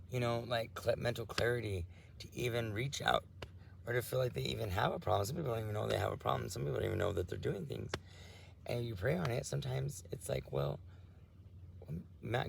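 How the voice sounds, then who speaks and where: A man talks through spiritual advice in a rambling, earnest way, with many fillers and restarts. His voice is heavily gravelly and full of fry, and a faint hum of room ambience sits behind him. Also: fairly low pitch. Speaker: spiritual channel host. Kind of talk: casual spiritual talk.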